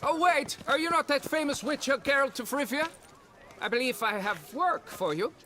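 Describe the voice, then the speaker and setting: Fussy pompous exhibition keeper from a game, really high voice, theatrical, bit of background noise. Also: male voice, animated, moderate pace, bright, forceful tone, full character voice. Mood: exasperated, eager. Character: pompous, exasperated exhibition keeper, florid and self-important. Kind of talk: video game voice acting.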